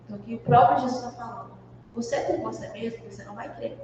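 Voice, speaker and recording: A woman's voice: fairly high pitch, quick pace, warm tone, a little hiss or hum. Brazilian woman teaching in an echoey hall. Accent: Brazilian Portuguese. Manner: conversational, thinks aloud with many fillers and restarts. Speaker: Sunday school teacher. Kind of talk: church Bible class teaching. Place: church hall. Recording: echoey church hall, mic far off.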